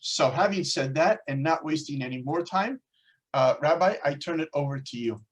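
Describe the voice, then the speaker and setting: A man with a New York accent opens an online class. His voice sits a little high, and his delivery is friendly and chatty. He jokes easily as he hands over to the teacher. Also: expressive, normal speed. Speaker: host introducing a teacher.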